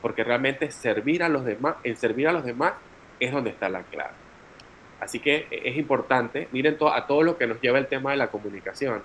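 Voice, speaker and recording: A man's voice: medium pitch, animated, brisk, a bit bright, a little hiss or hum, rough recording. A man with a Panamanian Spanish accent leading a teacher training session, explaining at length and calling on participants by name. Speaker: workshop facilitator.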